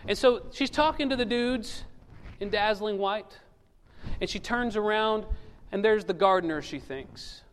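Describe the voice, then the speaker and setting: High-voiced pastor in a reverberant hall. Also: male voice, measured pace, clean tone. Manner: storytelling with humor, acting out quoted voices. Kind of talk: sermon. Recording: long reverb of a large hall.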